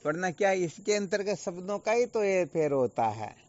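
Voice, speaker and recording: A man's voice: high voice, lively intonation, normal speed, a little mellow. A man acting as a spiritual teacher, giving a patient, explanatory online discourse full of rhetorical questions. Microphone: video call. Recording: dull lo-fi online call audio.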